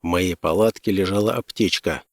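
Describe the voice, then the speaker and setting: A male audiobook narrator reads first-person fiction in a fairly low voice at a moderate pace. It's scripted storytelling, recorded dry with no room sound.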